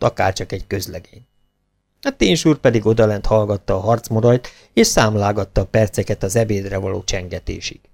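A man reading a children's storybook aloud, expressive and animated. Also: on the low side, vocal fry. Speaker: audiobook reader. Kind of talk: storybook narration.

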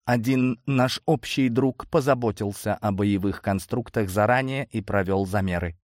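A male audiobook narrator voicing a cold, proud professor, a little lower and quieter than his narration. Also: moderate pace, dry recording, studio quality, lightly acted.

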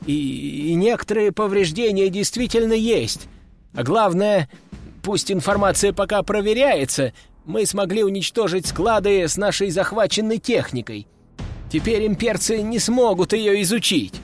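A man's voice: sits high, lively intonation, moderate pace, soft background music, voice pushed up. A man voicing a nervous young adjutant in an audiobook, hesitant and stammering as he pleads to leave. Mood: uneasy.

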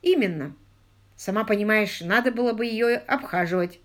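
A woman's voice: mid-range voice, normal speed, a bit bright, lightly acted. A woman reading the part of a flustered young husband who talks in an earnest, pleading way.

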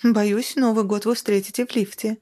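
A woman's voice: medium pitch, steady tone, moderate pace, mellow, close to an everyday voice. A woman voicing a worried, talkative young female friend calling on the phone. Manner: fretful, talkative.

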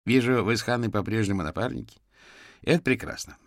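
A man voicing a cheerful, brash male private investigator in an audiobook, breezy and quick to snap back. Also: lowish voice, vocal fry, no room sound, studio quality, voice pushed up.

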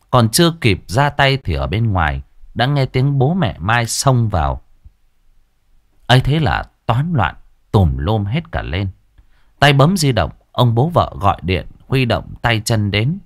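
A man narrating an audio story in a dramatic, expressive reading. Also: medium pitch, dry recording, studio quality.

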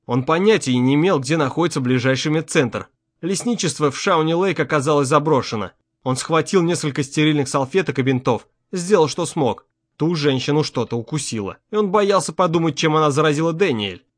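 A man reading an audiobook chapter aloud in a steady, tense narration, close to the microphone. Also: a little high, dry recording. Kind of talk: scripted narration.

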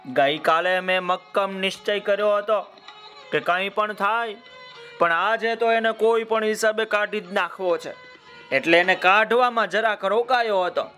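A man doing a steady, determined young village boy who explains himself earnestly and firmly. The voice sits a bit raised from a man's usual talk, bright and unhurried, as in a storybook told aloud. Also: high-pitched, soft background music. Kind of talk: children's story reading.

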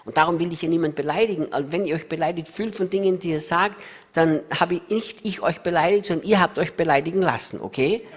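A man's voice: fairly high pitch, fast talker, husky. Tearful man preaching in a big hall. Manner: emotional, tearful, laughs often, wide swings between loud emphasis and soft asides. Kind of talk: sermon. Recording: reverberant hall, voice sometimes off-mic.

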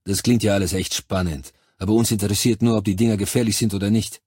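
Knapper, befehlsgewohnter Feldwebel, von einem Mann gesprochen, tiefe, dunkle Stimme, trocken aufgenommen. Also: male voice, lowish voice, steady tone, quick pace, darkish tone, slightly rough, no room sound, clean studio sound. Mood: brusque. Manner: curt, giving orders. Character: brusque male sergeant commanding a squad.

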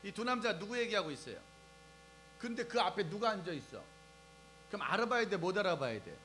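At a youth service, a preacher with a high, brisk voice delivers a lively sermon, quizzing the crowd and acting out scenes. The audio is poor, with faint music and mains hum behind him.

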